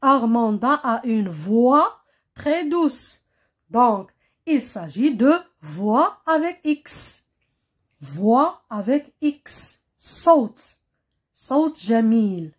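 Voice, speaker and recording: A woman's voice: on the high side, big pitch swings, very slow. A woman teaching young pupils, patiently repeating words and checking they understood. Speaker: primary school teacher. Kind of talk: slow classroom explanation.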